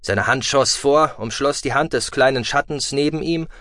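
A man narrates an audiobook in a calm, measured, expressive way. His voice sits at a middle pitch. The recording is dry and close, with no room sound. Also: no room sound. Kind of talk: scripted narration.

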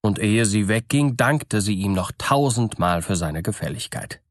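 A man reading an old fairy tale aloud in a calm, measured storytelling manner. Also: fairly low pitch, dry recording, studio quality.

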